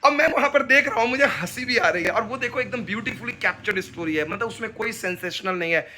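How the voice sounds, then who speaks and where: Animated high-voiced man telling stories. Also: quick pace, slight background noise. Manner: animated storyteller, mixing Hindi and English, acting out quotes. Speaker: fan reporter and YouTuber. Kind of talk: casual interview anecdotes.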